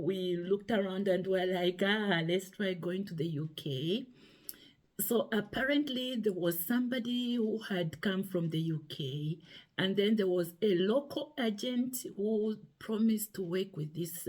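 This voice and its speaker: A woman's voice: medium pitch, darkish tone. A middle-aged woman from Zambia, a nurse, telling a personal story in a chatty, hesitant way with many fillers. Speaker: nurse sharing her story. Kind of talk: casual storytelling vlog.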